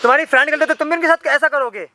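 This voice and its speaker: A man's voice: very high voice, racing, pushed and bright, no echo, exaggerated voice. A man playing an indignant mediator in a staged skit, lecturing and reproaching a family. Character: indignant man scolding a modern bride. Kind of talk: improvised street skit acting.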